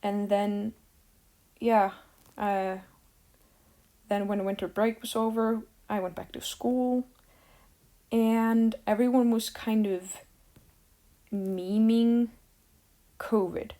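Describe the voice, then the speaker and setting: Slow, mellow teenage girl from Iceland. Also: mid-range voice, fairly even intonation. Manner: rambling, sarcastic, with frequent fillers. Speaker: vlogger. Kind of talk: casual rant to camera.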